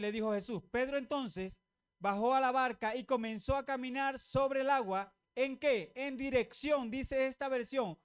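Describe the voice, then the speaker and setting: A woman pastor delivering a sermon in a smooth, resonant voice. She keeps the congregation involved, having them repeat phrases back and throwing out questions for them to answer. She makes her points with everyday examples and a teasing humor. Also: a little high. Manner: calls on congregation to repeat, asks rhetorical questions.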